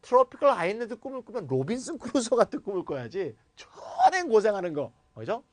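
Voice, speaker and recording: A man giving a grammar lecture. He is playful and animated, switches between formal and blunt casual speech, and acts out sample replies. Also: sits high, a little fast, no echo.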